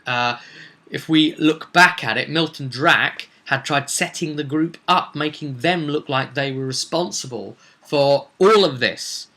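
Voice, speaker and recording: This game master has a medium-pitched, sharp-toned voice as he walks through a tabletop roleplaying campaign in a relaxed vlog. His storytelling is theatrical, punctuated by rambling side comments.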